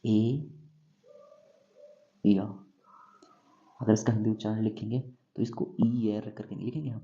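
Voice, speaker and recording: A man teaching English grammar in a classroom-style lesson, going slowly and asking himself questions before he answers them. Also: on the low side, fairly even intonation, dark tone, lo-fi sound. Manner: slow, repeats and quizzes himself with questions.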